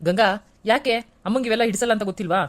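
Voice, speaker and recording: Woman doing a young guy in a cartoon, the peacemaker son, talks fast, begs his mom to calm down. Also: on the high side, close to an everyday voice. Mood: pleading. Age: young adult. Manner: pleading, reasoning gently. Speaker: cartoon voice actor. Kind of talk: cartoon serial acting.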